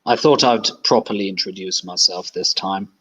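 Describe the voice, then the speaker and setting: A man voicing a grizzled, polite middle-aged gentleman in a tabletop game. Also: deep voice, moderate pace, slightly rough. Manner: courteous, formal. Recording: dull lo-fi.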